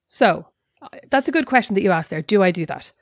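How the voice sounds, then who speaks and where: In clean, dry studio sound, this woman from Ireland co-hosts a casual podcast chat, rambling and poking fun at herself. Her medium-pitched voice is animated and brisk.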